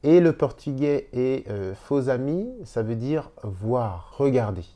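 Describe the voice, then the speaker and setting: A male Spanish teacher talks through a casual lesson from a hotel room, explaining slowly and repeating himself. He sounds animated, with a warm tone and a mid-range voice.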